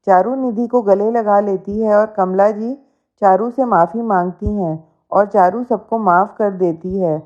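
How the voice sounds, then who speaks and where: A woman telling a family story as narrator, in a steady, plain storytelling manner. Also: mid-range voice, unhurried. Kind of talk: scripted narration. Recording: dull lo-fi recording.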